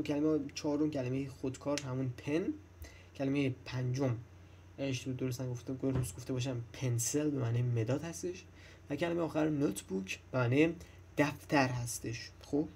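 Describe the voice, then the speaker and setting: A young man with a darkish, breathy voice on the high side teaches English vocabulary to schoolchildren in a casual classroom-style lesson. He is chatty, speaks directly to the students, and repeats his points.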